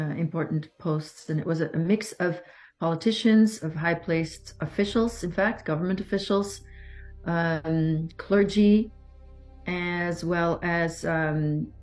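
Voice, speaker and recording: Speaking as a survivor in a testimony interview, this Belgian woman, French by first language, has a low, soft voice. She talks in a measured, halting way, often pausing and starting over.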